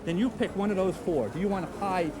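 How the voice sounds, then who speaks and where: A man as a high-voiced craps instructor, on worn VHS tape. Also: fairly quick, background noise. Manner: drills odds patiently, checks in with "okay?". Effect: worn VHS tape copy. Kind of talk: instructional video teaching. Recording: music underneath, old tape copy.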